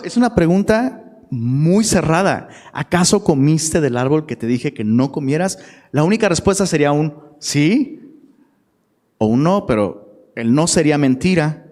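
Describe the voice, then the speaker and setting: In a church hall with long reverb, a youth pastor preaches a casual sermon to a live audience, slangy and chatty and often questioning the crowd. His voice is a little high with a darkish tone.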